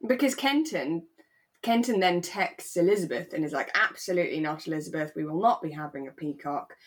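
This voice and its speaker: A podcast co-host with a slightly low, husky voice chats in a relaxed, fairly quick way about a radio drama. She thinks out loud as she goes, checking whether others agree.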